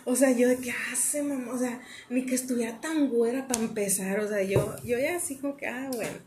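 A young woman with a Mexican accent, chatting casually and telling lively, slangy stories as a podcast co-host. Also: on the high side, fairly quick, a little hiss or hum. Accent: Mexican Spanish. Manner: animated, slangy, acts out quotes. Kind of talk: casual storytelling chat.

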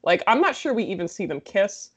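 A woman's voice: mid-range voice, big pitch swings, brisk, slightly rough. A woman recapping a movie in casual chat, sarcastic and full of "like" fillers. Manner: chatty, sarcastic, many "like" fillers. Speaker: podcast host recapping a movie.

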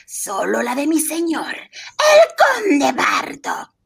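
Shrill, creaky, menacing witch. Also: huge pitch swings, full character voice. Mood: scornful, menacing. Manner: menacing, drawn-out words with wailing and cackles. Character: sinister cackling old witch, menacing servant of darkness. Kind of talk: radio drama acting.

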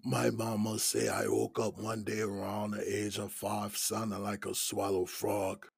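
An actor playing an older male inmate in his sixties with a deep, raspy voice and a Gullah Geechee accent, speaking in a slow, easygoing drawl. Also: no echo, clean studio sound, heavily acted. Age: 60s. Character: older male inmate, laid-back smoker. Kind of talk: audio drama acting.

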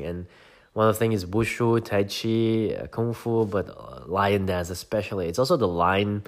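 Tired, hesitant man talking low and even. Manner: hesitant, many fillers and restarts; speaks with eyes closed in a low-energy, monotone way. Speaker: podcast host. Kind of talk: casual monologue.

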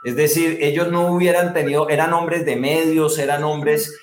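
A man's voice: on the high side, little pitch movement, moderate pace, slight background noise. A man, a speaking coach, explaining technique expressively as an interview guest and stressing words to demonstrate. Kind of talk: animated explanatory talk. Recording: roomy echo.

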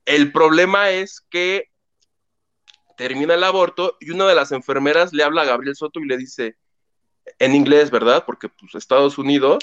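A man hosting a casual gossip chat, retelling a plot in an animated way and acting out the quotes. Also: on the high side, normal speed, clear, resonant tone, highs cut off. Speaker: host.

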